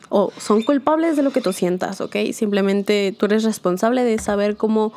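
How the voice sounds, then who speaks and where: A woman's voice: mid-range voice, darkish tone, a little hiss or hum. A young woman hosting a casual solo podcast. She talks in a chatty, confiding way, keeps checking in with "¿ok?" and drops in English words now and then. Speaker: podcast host.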